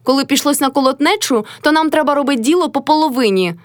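A woman voicing a defiant, sharp-tongued young peasant daughter-in-law who mocks and quarrels. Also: sits high, fast, no room sound, clean studio sound, pitched above the performer's own voice, natural voice. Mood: mocking. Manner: mocking, quarrelsome.

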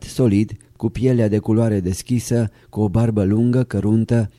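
A male audiobook narrator reads a first-person memoir in a calm, measured way. His voice sits low and sounds very dark and mellow. The recording is dry and close. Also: dry recording.

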